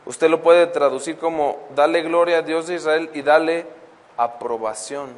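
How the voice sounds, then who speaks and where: A man with a fairly high voice teaches a Bible lesson from the pulpit. He reads scripture slowly and keeps turning to the congregation with questions. His words ring out with a long reverb, as in a church hall. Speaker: preacher.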